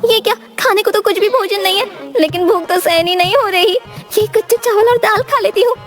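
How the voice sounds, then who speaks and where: A woman playing a shrill, ravenous village wife. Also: brisk, soft background music. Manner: whiny, exclaiming, theatrical.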